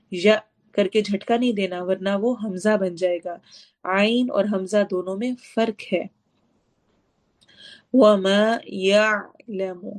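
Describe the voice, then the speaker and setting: A woman teaching a tajweed lesson to her students. She explains recitation rules, asks and answers her own questions, and slowly draws out Arabic words to demonstrate them. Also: mid-range voice, a little mellow. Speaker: Quran teacher.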